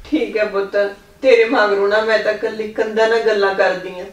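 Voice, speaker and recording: A tearful older village mother , played by a woman, grieving and alone. She speaks in an even, droning tone. Her voice comes from a distance in a reverberant room. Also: mid-range voice, a little fast, natural voice. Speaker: widowed mother. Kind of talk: village drama acting. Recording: echoey room, voice off-mic.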